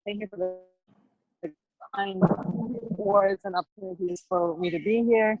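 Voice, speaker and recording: A woman life coach as an interview guest, lively, laughing often, with fillers. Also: medium pitch, normal speed, dry recording, phone-quality sound, soft background music. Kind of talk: casual interview. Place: near a construction site.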